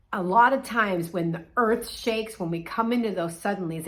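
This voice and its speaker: A middle-aged woman, a life coach, giving a conversational, encouraging faith talk with casual fillers. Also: mid-range voice.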